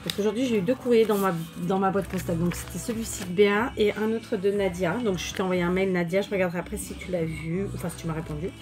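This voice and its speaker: A woman vlogger talks casually to camera as she unpacks handmade craft gifts. Her talk wanders, full of little fillers, restarts and heartfelt thanks. Faint background music plays under her mid-pitched voice. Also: steady tone, quick pace, few pauses. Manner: chatty, many fillers and restarts, warm thanks. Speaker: crafting YouTuber. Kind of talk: casual chat showing mail and purchases.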